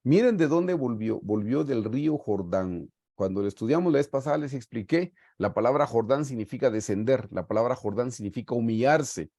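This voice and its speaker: A middle-aged man from Guatemala preaches to a small online Bible study group. His voice sits mid-range, with a mellow, darker tone. The video call sound is dry and close. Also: medium pitch, lively intonation, a little fast, few pauses, no echo. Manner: earnest, warm pastoral storytelling, often saying "hermanos". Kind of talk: sermon-style Bible teaching. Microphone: video call mic.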